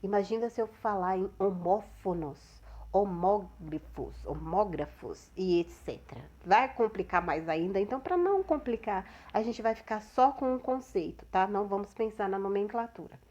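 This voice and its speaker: A woman with a Brazilian Portuguese accent teaches a grammar lesson at a middling pitch. She explains step by step and keeps checking that her listeners are following. She slows down to spell out each example word. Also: lively intonation, darkish tone, lo-fi sound. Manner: checks in often with "certo?", slows down on example words.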